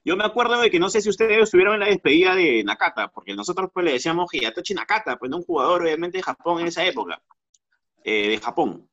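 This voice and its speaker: A man's voice: fairly high pitch, fast talker. Man, casual chat, slangy storyteller, muffled lo-fi sound. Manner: animated storyteller, slangy, repeats words. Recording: dull lo-fi sound.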